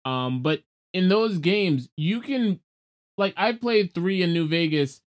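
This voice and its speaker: Higher-voiced man in natural podcast chat. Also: lively intonation, slow. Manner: informal, loose phrasing. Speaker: podcast co-host. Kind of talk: natural unscripted casual talk.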